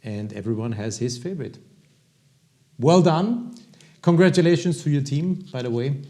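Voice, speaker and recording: A man from Austria with an Austrian accent and a gravelly voice, casually presenting products to viewers as a video host in halting, hesitant phrases. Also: mid-range voice, lively intonation, dark tone. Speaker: watch review video host.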